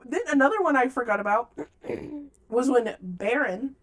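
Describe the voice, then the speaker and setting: A woman's voice: a little high, normal speed, noisy background. A woman hosting a casual book-club chat, recapping scenes and reading passages aloud. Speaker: podcast host.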